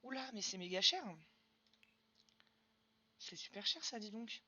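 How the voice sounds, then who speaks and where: A woman's voice: on the high side, lively intonation, measured pace, bright, forceful tone, slightly rough, muffled recording. A young woman chatting casually on a game stream, answering chat questions with lots of fillers. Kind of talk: casual live-stream chat while gaming.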